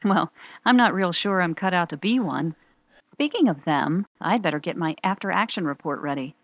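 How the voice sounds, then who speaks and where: A woman's voice: fairly low pitch, moderate pace, dry recording, lo-fi sound. A woman playing an earnest, questioning rookie time-travel agent in an audio drama.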